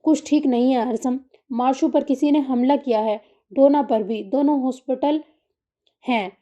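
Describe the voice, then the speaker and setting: A woman's voice: high voice, mellow, dull audio, natural voice. A woman reading the lines of a distressed middle-aged aunt who pleads anxiously, in an audiobook story. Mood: tearful.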